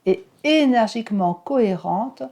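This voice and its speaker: A woman giving a calm, measured health explainer to her viewers, with occasional fillers and small restarts. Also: fairly high pitch. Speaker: wellness channel host.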